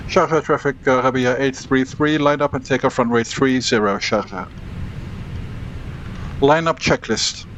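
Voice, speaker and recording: A man's voice: mid-range voice, measured pace, a bit bright, slight background noise, low-quality recording. A man playing a flight sim pilot, answering checklist items and making short clipped radio calls from the cockpit. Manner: crisp clipped cockpit callouts. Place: home flight sim setup.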